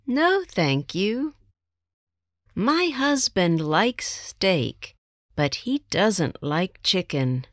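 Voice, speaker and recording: A woman with an American accent reading textbook dialogue lines for language learners, enunciating clearly. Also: mid-range voice, big pitch swings, very slow, dry recording, clean studio sound. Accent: General American. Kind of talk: slow scripted textbook reading.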